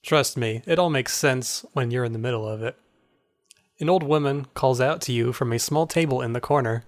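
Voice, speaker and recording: A man's voice: medium pitch, normal speed, no room sound, clean studio sound. A man reading game text aloud as narrator in a casual playthrough, without putting on character voices.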